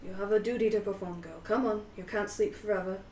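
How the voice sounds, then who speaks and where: A woman's voice: medium pitch, steady tone, fast, a little mellow, lightly acted. A woman voicing a stern, impassive male fey steward who speaks in curt commands, recorded in a roomy space on a distant mic with faint hiss. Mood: commanding.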